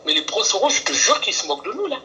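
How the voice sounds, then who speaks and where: A woman speaks on a call into a live stream, her voice bright and sharp-edged. She talks earnestly and keeps pleading for calm. A faint hiss sits under her voice. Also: mid-range voice, fast talker, low-quality recording. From France. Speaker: caller.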